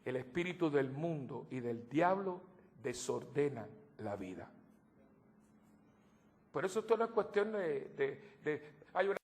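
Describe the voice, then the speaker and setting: Preaching to his congregation, a priest is animated and tosses in jokes as he goes, alternating loud bursts with quiet, low comments. His pace is a little slow, and he pauses often.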